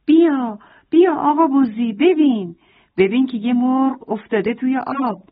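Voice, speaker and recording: A woman's voice: a little high, steady tone, lightly acted. A woman voicing a kind, frightened mother hen in a children's story, calling out frantically. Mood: urgent. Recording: tinny phone-like sound.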